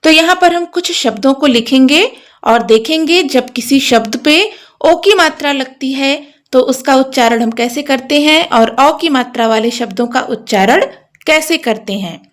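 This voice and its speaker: A woman teaching a language lesson, slowly drilling letters and syllables one by one. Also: high-pitched. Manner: slow, deliberate drilling of syllables. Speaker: Hindi teacher. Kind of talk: explanatory lesson, spelling out letters.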